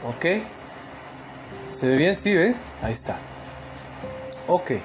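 A man's voice: sits high, very animated, slow pace, music in the background. A Costa Rican man giving an online seminar talk, earnest and emphatic, with many fillers and restarts. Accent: Costa Rican Spanish. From Costa Rica. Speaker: seminar speaker.

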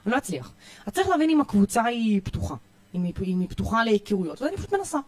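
Energetic Israeli woman coach, dry sound. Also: fairly high pitch, no echo. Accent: Israeli Hebrew. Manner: energetic, repetitive, emphatic listing. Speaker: youth coach. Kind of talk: podcast interview, giving parenting tips.

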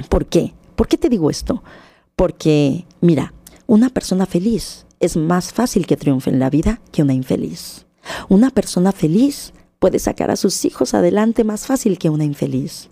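A Mexican woman talks to her radio listeners in a lively, coaxing way, often turning to them with a question. Her voice is mellow and warm. The sound is dry and close, with no room around it. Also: mid-range voice, no room sound. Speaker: radio host. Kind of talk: motivational radio talk.

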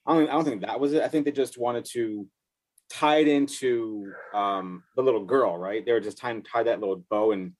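A man on a podcast, chatting casually about movies, halting and restarting his sentences often. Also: mid-range voice, a little mellow. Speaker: podcast co-host.

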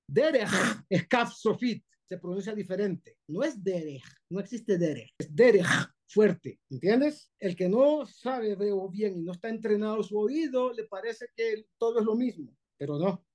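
Animated and mellow, this rabbi's high voice moves at normal speed with few pauses as he explains pronunciation in class. He speaks with a Colombian Spanish accent, emphatically repeating and exaggerating sounds while making sure students keep up.

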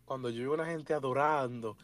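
A man who photographs at church, telling lively stories in a casual podcast chat and imitating camera clicks. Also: medium pitch, fairly quick, over a noisy crowd.

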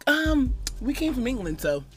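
A woman from Jamaica co-hosting a casual chat with her best friend, playful and halting, often restarting her sentences. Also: high voice, big pitch swings. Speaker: podcast co-host.

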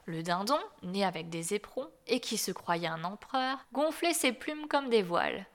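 A woman reading a fairy tale aloud in a clear, expressive storybook manner. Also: medium pitch, normal speed. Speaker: narrator.

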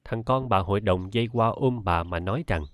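A man with a lowish voice narrating a novel for an audiobook. He reads in a steady, measured storytelling manner. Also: dry recording. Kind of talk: scripted narration.

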